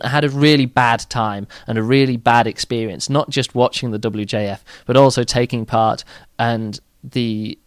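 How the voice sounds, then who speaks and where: A man's voice: mid-range voice, no echo, clean studio sound. A man hosting a podcast, outspoken and rambling, with plenty of fillers. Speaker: podcast host. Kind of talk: casual podcast monologue and interview.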